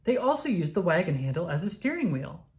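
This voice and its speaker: Reading a picture book aloud for children, a female storybook reader uses a fairly low voice. She phrases each line deliberately and expressively, with pitch that rises and falls in lively swoops.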